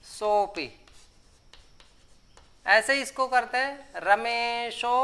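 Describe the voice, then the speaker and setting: A woman teaches grammar at an unhurried pace, walking through each rule step by step. Her voice is bright, smooth and clear, sitting a little high, and she pauses now and then to ask the class whether it has followed. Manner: explains step by step, often asks the class if it is understood. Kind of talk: classroom lecture.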